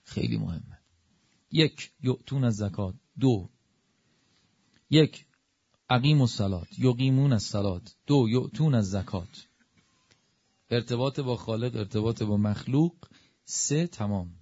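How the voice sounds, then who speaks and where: A man preaching a religious sermon in a conversational, lively way that rises to emphatic peaks. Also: medium pitch, pauses often, slightly rough, no room sound, dull audio.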